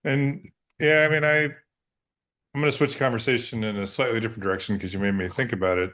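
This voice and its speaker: A man's voice: medium pitch, fairly even intonation, brisk, a bit bright. A man in his fifties, podcast co-host, chatting casually with wry self-deprecating humor. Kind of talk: casual chat.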